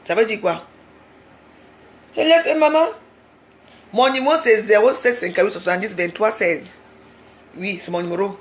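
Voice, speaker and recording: A woman's voice: medium pitch, a little fast. A woman in a heated livestream rant, confrontational and repeating herself insistently. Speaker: social media livestreamer.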